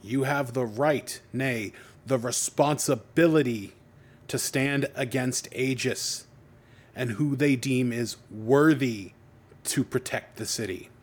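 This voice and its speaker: A man voicing a shadowy masked male rebel leader speaking through a distorted broadcast, slow and commanding. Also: medium pitch, breathy edge. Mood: defiant. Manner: slow, grand, commanding speech.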